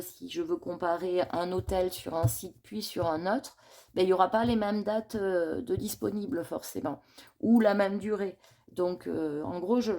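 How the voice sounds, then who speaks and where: A woman's voice: medium pitch, warm tone. A woman chatting casually in a coloring vlog, thinking aloud in a rambling, confiding way and admitting her worries. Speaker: coloring vlogger.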